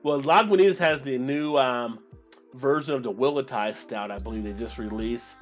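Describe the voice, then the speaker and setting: Soft music plays behind an American man hosting a casual live stream for a beer channel. He speaks in a mid-range voice at a moderate pace, rambling conversationally with his viewers.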